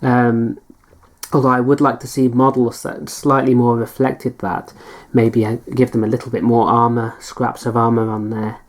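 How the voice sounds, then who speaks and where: A woman's voice: very deep voice, little pitch movement, normal speed, a little mellow. A woman chatting casually as a hobby vlogger, answering viewer questions in a hesitant, self-deprecating way. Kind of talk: casual Q&A chat.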